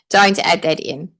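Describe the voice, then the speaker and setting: In a fairly low, husky voice with a bit of brightness, a woman runs a live-streamed training for would-be online teachers. She's chatty and encouraging, reads out viewer comments, and peppers her speech with "like" and "okay."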